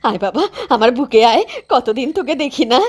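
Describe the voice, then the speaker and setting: A woman's voice: on the high side, a little fast, darkish tone, breathy edge. A woman playing a doting, distraught mother in a cartoon ghost story, coaxing and plaintive. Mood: tender, worried. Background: background music.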